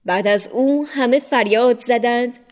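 A woman narrating a storybook for children in an expressive, measured way. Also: on the high side.

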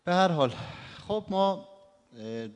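A man's voice: high voice, expressive, clear, resonant tone, long reverb tail. A man teaching Quran recitation, explaining patiently and politely and answering students' questions in a classroom lecture.

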